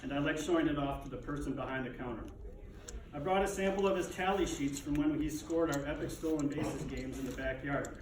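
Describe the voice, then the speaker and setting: A man's voice: a little high, fairly quick. Echoey, distant man giving a eulogy, grieving with dignity. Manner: dignified, restrained grief with wry fond humor. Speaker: son giving a eulogy for his father. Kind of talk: prepared eulogy speech. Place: echoey room, speaking to a gathering. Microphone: distant microphone. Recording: echoey, distant, noisy room recording.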